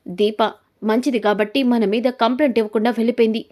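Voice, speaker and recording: A woman's voice: fairly high pitch, steady tone, fast, darkish tone, lightly acted. A woman voicing a proud old grandfather who scolds his granddaughter. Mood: angry.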